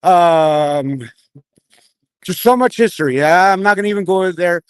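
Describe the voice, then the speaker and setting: Slurring his words because of missing front teeth, a man with a high-pitched, clean-toned voice talks a little slowly, with no room sound. He's a livestream host and independent journalist rambling through informal commentary and casual interviews on a city street at night.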